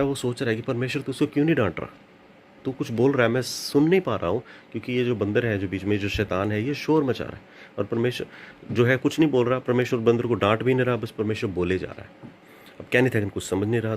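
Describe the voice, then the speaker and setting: Low-voiced man preaching a sermon. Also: a little hiss or hum. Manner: earnest, repeats phrases, slips into English. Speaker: pastor.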